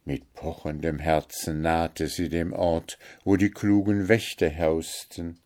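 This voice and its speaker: A man reading an old fairy tale aloud as narrator, measured and unhurried. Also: deep voice, flat delivery, darkish tone. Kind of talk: storybook reading.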